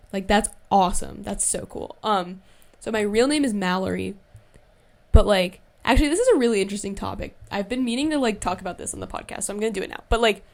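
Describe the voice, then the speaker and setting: A young woman hosting a podcast on her own, telling a casual story in a chatty way, full of "like" fillers and quick asides. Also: medium pitch, darkish tone. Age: young adult. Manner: chatty, heavy use of "like" fillers, quick asides and self-corrections. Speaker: podcast host. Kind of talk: casual solo storytime chat.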